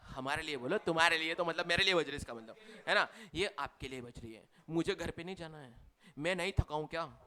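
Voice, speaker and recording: A man's voice: on the high side, quick pace, bright, forceful tone. A man teaching a commerce revision class with an Indian accent, chatty and teasing, mixing Hindi with English terms. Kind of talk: live class revision lecture.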